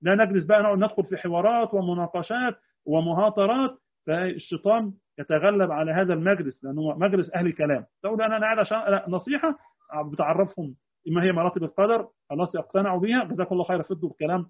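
A man with an Egyptian Arabic accent gives a creed lesson in a high voice at a rapid clip. He explains by posing rhetorical questions and answering them himself. The recording is tinny and phone-like. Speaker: religious teacher.

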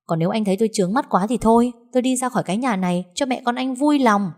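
A woman doing a sharp-tongued defiant daughter-in-law. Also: fairly high pitch, voice pushed up, close to an everyday voice. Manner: cutting, fast, confrontational.

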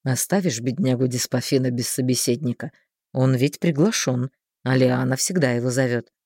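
A woman reading an audiobook voices a calm, caring male mage who speaks in a measured, unhurried way. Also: husky, dry recording, studio quality. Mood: gentle. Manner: unhurried, measured, low and soft. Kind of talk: audiobook character voice.

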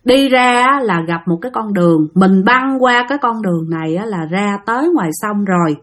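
A woman's voice: medium pitch, expressive, moderate pace. A woman with a Southern Vietnamese accent telling a ghost story in a chatty, conversational way, often trailing her phrases.

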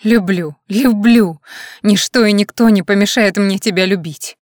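A woman's voice: mid-range voice, fairly even intonation, normal speed, no echo, studio quality, lightly acted. A woman reading the lines of a domineering, possessive man in an audiobook, in a cold, mocking way. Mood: pleading.

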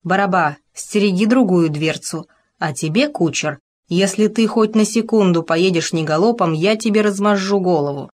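A woman's voice: mid-range voice, moderate pace, darkish tone, close to an everyday voice. A woman voicing a reckless, commanding male soldier who barks urgent orders.

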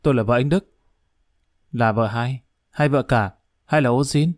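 A man voicing a jealous, hot-tempered wife, a schoolteacher, who is sharp-tongued and quick to flatter. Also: mid-range voice, no echo, clean studio sound, lightly acted. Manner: sharp-tongued, then fawning.

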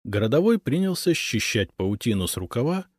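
A man narrating a first-person audiobook with expressive delivery. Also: medium pitch, fairly quick, dry recording, studio quality.

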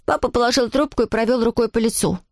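A woman reading a children's story aloud as an audiobook narrator, lively and expressive. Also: on the high side, quick pace, no room sound, clean studio sound.

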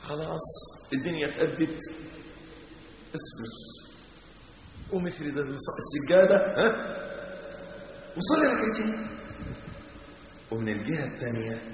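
A man with an Egyptian Arabic accent giving a mosque lesson, animated and swinging from hushed to loud. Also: on the high side, moderate pace, long pauses, background noise. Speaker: preacher. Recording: echoey hall, lo-fi audio.

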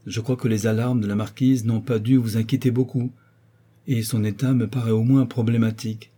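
A man's voice: mid-range voice, level tone, brisk, warm tone, breathy edge, lightly acted. A man reading a classic novel aloud, voicing a skeptical worldly friend who reasons dryly. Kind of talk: audiobook character reading.

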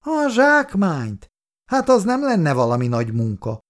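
A man voicing a wry, soothing middle-aged mother in a read-aloud story, pitched above his own voice. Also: wildly swooping pitch.

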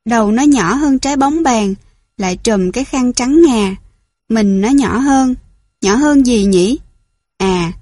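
A woman reading a storybook aloud, gentle and clear. Her voice is a little high. The recording is dry and close, with no room around it. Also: no echo. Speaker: narrator.

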